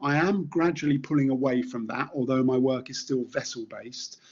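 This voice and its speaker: A middle-aged man from Kent in England with a light Estuary English accent, giving an informal artist talk as a ceramicist in a halting, reflective manner. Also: mid-range voice, fairly even intonation, slightly rough, highs cut off. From Maidstone, Kent, England. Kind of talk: informal slide presentation.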